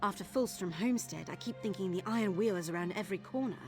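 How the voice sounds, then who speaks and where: In a video game, an actress portrays an earnest young woman thief searching for her missing father, her tone confiding, worried, and determined. She's a young adult with a natural, medium-pitched voice that moves fast. Game music plays behind the voice.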